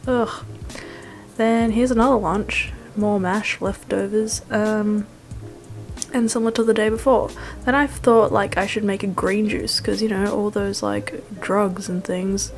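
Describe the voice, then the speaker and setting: A young woman narrates a casual food vlog at a middle pitch, with clear music behind her. She rambles in a slangy, self-deprecating way with a wry edge. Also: steady tone, measured pace. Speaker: food vlogger.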